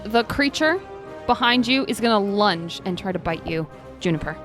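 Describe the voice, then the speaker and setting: A woman's voice: medium pitch, expressive, normal speed, fairly bright tone. Woman game master narrating over music. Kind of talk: narrating a tabletop role-playing game. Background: background music.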